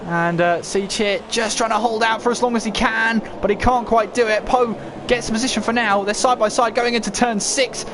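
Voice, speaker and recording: High-voiced male motorsport commentator over noise. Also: steady tone, normal speed. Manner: running play-by-play with rhetorical questions. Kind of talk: live motorsport race commentary.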